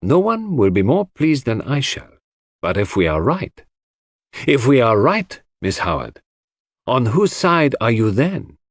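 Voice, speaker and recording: A man's voice: medium pitch, big pitch swings, no room sound, studio quality, voice pushed up. Man playing shrewd, solemn foreign male detective Poirot. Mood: grave. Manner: measured, emphatic, enigmatic.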